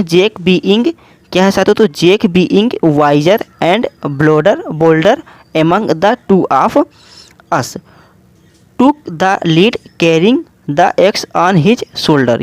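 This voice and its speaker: A man with a slightly high voice explains exam questions one option at a time. He keeps asking questions and answering them himself. The recording is dry and close, with no room sound. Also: dry recording. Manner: repetitive question-and-answer explaining, addresses listeners as friends. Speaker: exam prep teacher.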